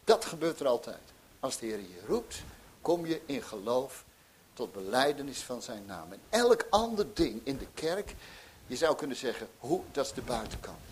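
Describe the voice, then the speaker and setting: A middle-aged man preaching a sermon, animated, with restarts and emphatic peaks. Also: mid-range voice, slight background noise.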